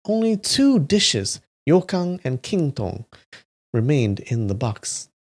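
A man voicing an elderly grandmother who tells a fox tale from her temple home, reading it aloud in a raised, gentle old-woman voice. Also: mid-range voice, sing-song, slow pace. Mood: storytelling.

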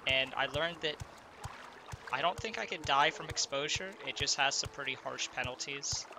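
With a gravelly mid-range voice at a moderate pace, this congested let's play gamer chats through his game, thinking out loud and asking himself things. The background is noisy.

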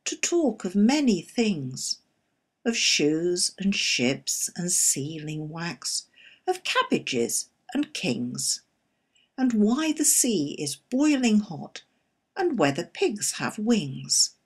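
A woman voicing a smooth-talking male walrus in a verse story, coaxing, grandly polite and falsely sympathetic. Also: fairly low pitch, big pitch swings, slow pace, heavily acted. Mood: grandly genial.

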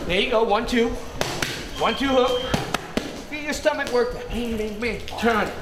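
A man's voice: extremely high pitch, measured pace. A male boxing coach calling out punch combos in short clipped commands with brief encouragement, recorded in an open gym. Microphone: camera mic a few metres away. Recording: echoey open gym, loud background noise.

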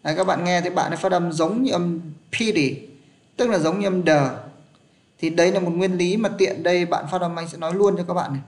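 Man, English teacher, live online class, patient, keeps checking in, a bit higher-pitched. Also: steady tone, fast, a little mellow.

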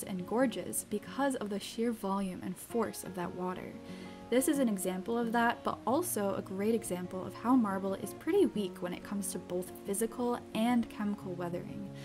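Woman narrating geology over music. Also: mid-range voice. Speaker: geology video host. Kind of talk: scripted science narration. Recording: background music under voice-over. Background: background music.

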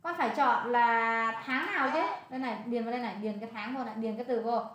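High-voiced Vietnamese woman tutoring. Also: fast, a bit bright. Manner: coaxing, repeats answers, switches between Vietnamese and English words. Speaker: English tutor. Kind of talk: one-on-one tutoring session. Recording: echoey room.

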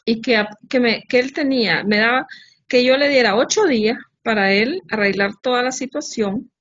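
Woman with a high voice, lo-fi sound. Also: normal speed, slight background noise. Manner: animated, with frequent tag questions. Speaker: interviewee. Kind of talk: storytelling in conversation. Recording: dull lo-fi recording.

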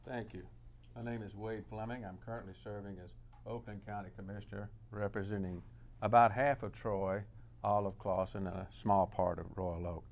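A man's voice: lowish voice, level tone, normal speed, slight background noise. A man in his sixties with a Mississippi accent, giving a plain-spoken campaign statement at a candidate forum. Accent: Southern US, Mississippi. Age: 60s. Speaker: candidate for county commission.

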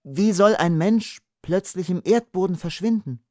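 A man reading an audiobook, voicing a spirited young woman, the major's daughter, who speaks up excitedly. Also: sits high, measured pace, no room sound, studio quality, pitched above the performer's own voice. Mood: agitated. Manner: excited, insistent.

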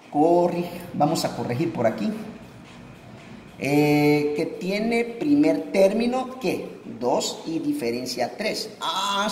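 A man's voice: medium pitch, slight background noise. A man giving an informal math lesson, chatting with an assistant and counting the steps aloud. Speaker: math teacher. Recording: echoey room with long reverb.

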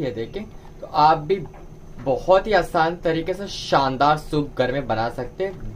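A home cook talks viewers through his recipe one step at a time, speaking straight to them. His voice sits on the high side, and there's a slight hiss or hum on the recording.

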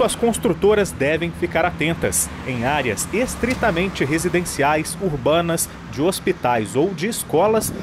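A high-pitched male reporter delivers scripted news narration in a measured, informative tone. Loud city traffic noise runs behind his voice.

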